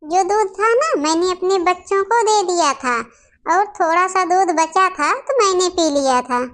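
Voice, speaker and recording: A woman's voice: extremely high pitch, measured pace, a bit bright. A woman voicing a quarrelsome, stingy young daughter-in-law in a cartoon family story, sarcastic and scolding.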